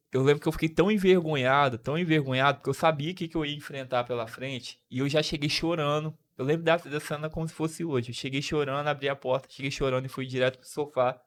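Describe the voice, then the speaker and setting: A man's voice: fairly high pitch, brisk. A young man from Brazil hosting a podcast, telling a personal story with feeling, full of slang and restarts. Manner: emotional, slang-filled storytelling with frequent restarts. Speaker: podcast host.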